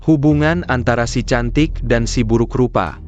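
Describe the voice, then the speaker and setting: A man's voice: medium pitch, normal speed, highs cut off, faint music behind, lightly acted. A man dubbing a scheming rich young heir who sweet-talks his girlfriend and mocks her in his asides. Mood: coaxing. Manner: sweet-talking aloud, scornful in asides. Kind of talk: dubbed drama acting.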